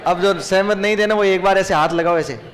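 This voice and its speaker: A man teaching a class, who dictates points slowly, repeats them, and chats and jokes with the students. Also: high-pitched.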